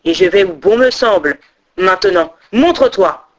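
A woman's voice: a little high, big pitch swings, measured pace. A woman doing a proud, commanding old god. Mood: shouting. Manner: commanding, imperious. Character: proud one-eyed father god, stubborn and demanding.

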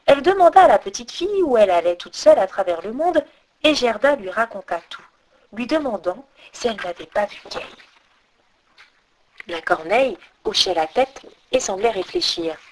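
A woman reading a fairy tale aloud as storyteller, expressive and lilting. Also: fairly high pitch, moderate pace, a little hiss or hum, poor audio.

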